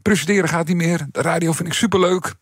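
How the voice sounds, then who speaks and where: A middle-aged Dutch man, a former radio presenter, talking reflectively as a guest with a husky, strained voice and many fillers. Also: on the high side, fast talker, dry recording, studio quality. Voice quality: husky, strained voice from vocal cord problems. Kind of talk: casual interview talk.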